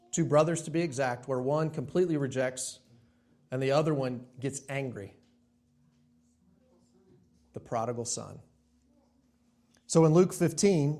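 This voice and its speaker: A man's voice: on the high side, a little mellow. A male pastor preaching a sermon in a church sanctuary in a conversational way, asking his congregation rhetorical questions.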